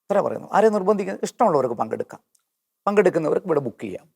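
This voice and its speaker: Guy telling his faith story, earnest, slows right down on hymn lines, voice a bit high. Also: big pitch swings, gravelly, darkish tone. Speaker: guest giving testimony.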